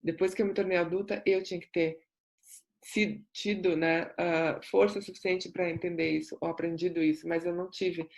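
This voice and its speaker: A woman's voice: lowish voice, level tone, normal speed, vocal fry, a little mellow. A woman speaking in an earnest, reflective way as a self-development coach, giving a personal testimony with repeated emphasis.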